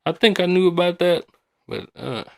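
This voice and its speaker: A man's voice: high voice, expressive, moderate pace, vocal fry. A man hosting a podcast in a casual, rambling, colloquial way, often repeating himself. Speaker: podcast host.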